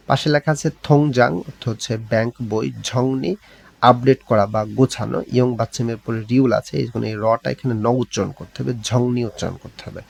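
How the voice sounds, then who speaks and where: A man teaching a Korean textbook lesson, explaining step by step and reading words out slowly. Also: mid-range voice, gravelly. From Bangladesh.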